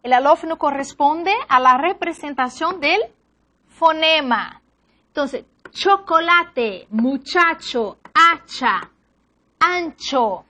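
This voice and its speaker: A woman with a first language of Portuguese leads a phonetics lesson at an unhurried pace. Her voice sits high and sounds bright. She spells out sounds and example words patiently, one by one. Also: expressive. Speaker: language teacher. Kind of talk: slow phonetics lesson, reading word lists.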